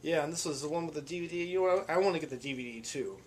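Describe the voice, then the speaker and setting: A friendly male music fan, eager and surprised, as a man puts him on. He is pitched a little above the speaker's usual voice. Faint background ambience runs under him. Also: rapid-fire, a little hiss or hum, natural voice.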